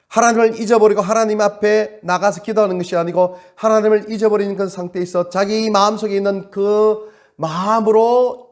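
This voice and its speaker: A male pastor preaching a sermon, dramatic, acting out quoted prayers and stretching words for emphasis. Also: high-pitched.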